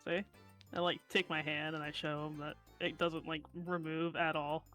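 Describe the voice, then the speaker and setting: A woman player in a tabletop game, talking in character in a hesitant, halting way. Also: sits low, level tone, a bit bright, faint music behind. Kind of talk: casual tabletop role-play.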